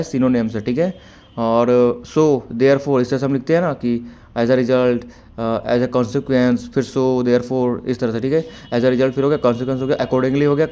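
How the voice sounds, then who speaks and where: A man's voice: mid-range voice, a little mellow. A young man teaching an exam-prep lesson, reading out word lists and checking in often with the class. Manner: quick, repeats "theek hai?" to check understanding; mixes Hindi and English, reads word lists.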